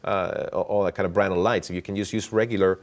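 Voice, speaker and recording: A man, a cinematographer guest chatting casually in an interview, animated and often restarting and repeating words. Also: low voice, quick pace.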